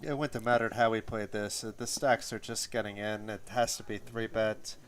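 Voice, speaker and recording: A man's voice: fairly low pitch, fairly even intonation, normal speed. A man commentating on a live poker tournament, explaining the play in an analytical way.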